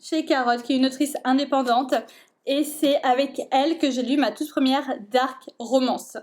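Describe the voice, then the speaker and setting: High-voiced young woman gushing about books. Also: moderate pace. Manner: excited, gushing, many fillers and restarts. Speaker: book vlogger. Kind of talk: casual chat.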